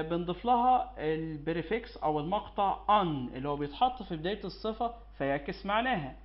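A man with an Egyptian Arabic accent teaching a class, who reads English words slowly and clearly and then explains them quickly. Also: fairly high pitch. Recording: echoey, slightly muffled room recording.

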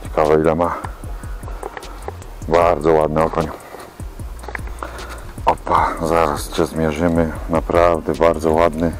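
A man's voice: rumbling low, flat delivery, slow, long pauses. A man, a fishing vlogger, giving casual commentary as he fishes. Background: music.

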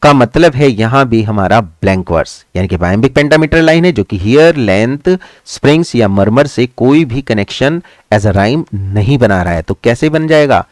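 A man's voice: mid-range voice, lively intonation, no room sound. A man with an Indian accent teaching English literature, mixing Hindi and English, asking questions and answering them himself. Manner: slows down to read English lines aloud, stressing each syllable. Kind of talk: exam-prep lesson in mixed Hindi and English.

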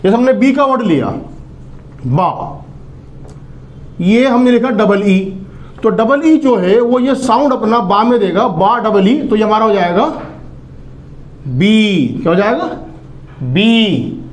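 A man teaches English sounds to his students. He explains with patience, repeats each word and asks questions. His voice sits high and swings widely in pitch. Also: expressive, a little slow, pauses often. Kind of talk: phonics lesson at a board.

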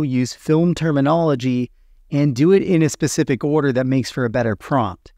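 A man hosting a tutorial, explaining things step by step in a steady way. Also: mid-range voice, no room sound, clean studio sound. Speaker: tutorial host.

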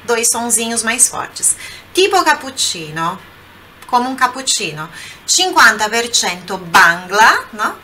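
A Brazilian woman teaches Italian in a bright, forward voice. She breaks words into sounds, repeats them patiently and urges the learner to try them. A faint hum sits behind her. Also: on the high side, very animated. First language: Portuguese. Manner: explains pronunciation slowly, repeats words, coaxing asides. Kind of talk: language lesson.

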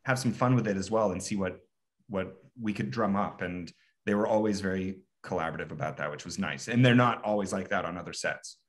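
A man's voice: low voice, brisk. A man talking casually on a panel as an actor, earnest, repeating words as he searches for them.

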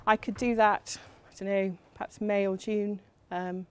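A woman's voice: mid-range voice, little pitch movement, measured pace, smooth. A middle-aged woman from England giving a university lecture in a chatty, self-deprecating way with frequent ums. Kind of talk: academic lecture.

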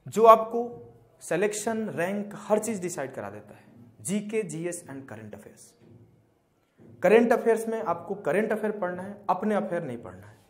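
Animated man coaching exam students. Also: sits high. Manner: animated, joking, direct address. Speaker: exam prep teacher.

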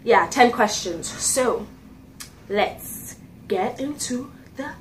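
A woman's voice: a little high, lively intonation, takes it slowly, slight background noise. A young Jamaican woman hosting her vlog in a loose, chatty way with plenty of fillers. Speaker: vlogger host. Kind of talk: casual chat. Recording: voice a bit distant from the mic.

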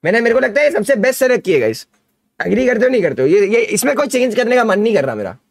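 In studio-quality audio with no room sound, a high-pitched Indian-accented man in his twenties speaks rapid-fire with vocal fry. He's a gaming streamer at his indoor desk, excitedly chatting on a livestream and repeating slangy hype.

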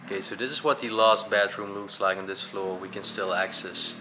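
A man's voice: lowish voice, brisk, noisy background. A young man co-hosting an exploration vlog, describing abandoned rooms in an easygoing, slangy way. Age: young adult. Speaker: urban explorer, co-host. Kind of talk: casual exploration vlog commentary. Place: large abandoned mansion, indoors.

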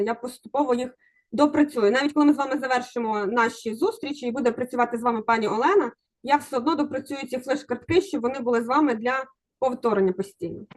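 On a video call, a woman runs an online exam-prep class, urging and gently prodding her students to respond. Her voice is high.

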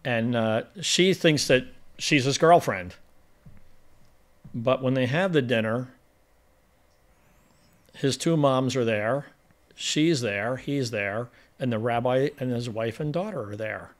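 A man's voice: medium pitch, slow, pauses often. Rambling man recapping a movie plot. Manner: rambling plot retelling with frequent restarts. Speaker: film review podcast co-host. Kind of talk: casual film review chat.

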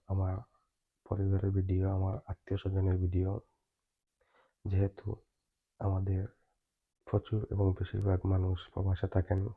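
A man hosting a reaction video, speaking slowly and gravely with many hesitant fillers. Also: sits low, narrow, tinny audio. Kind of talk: solemn reaction commentary.

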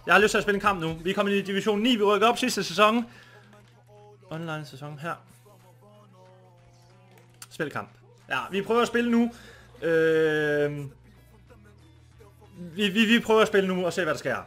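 A man streaming a football video game with a Danish accent, commenting live and getting excited, shouting and swearing often. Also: sits high, long pauses, faint music behind. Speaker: gaming streamer.

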